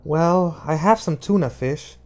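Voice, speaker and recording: A man's voice: on the high side, unhurried, a little mellow, voice pushed up, close to an everyday voice. A man putting on a chirpy flight attendant woman. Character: brisk cheerful female flight attendant.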